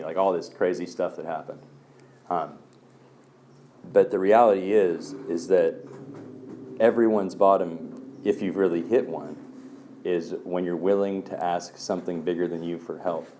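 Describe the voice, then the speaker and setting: A man's voice: low-pitched, dark tone, a little hiss or hum. A man speaking at a recovery meeting, telling stories in a loose, casual way, with lots of "um" and "man". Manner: loose storyteller, fillers like "man" and "um". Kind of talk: casual personal talk.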